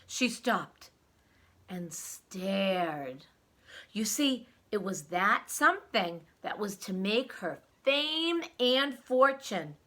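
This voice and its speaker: A woman reads a story to young children, expressive and dramatic, asking the listener questions. Her pitch is medium and her pace extremely slow.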